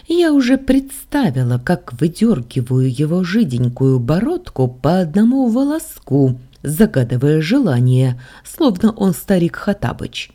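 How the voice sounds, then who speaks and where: A woman narrating a fantasy audiobook in the first person, with a wry, expressive telling. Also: on the low side, a little slow, hardly any pauses.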